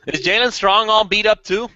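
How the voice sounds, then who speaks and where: A man's voice: high voice, pushed and bright, no room sound. A man co-hosting a football draft podcast, making wry, casual comments on the picks. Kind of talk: casual sports talk. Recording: dry, dull lo-fi recording.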